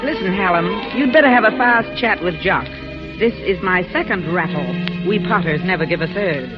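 A woman's voice: lowish voice, animated, moderate pace, lightly acted. A woman playing a brassy, wisecracking socialite. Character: brash, wisecracking society woman, Irene. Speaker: Irene Potter. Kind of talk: 1940s radio drama acting. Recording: dull old radio recording with music.

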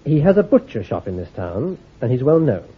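A slightly husky male voice with lively pitch plays a shrewd army intelligence chief in a vintage radio drama. Brisk and commanding, he lays out orders in a clipped, authoritative style. The sound quality is thin and tinny, resembling a phone line.

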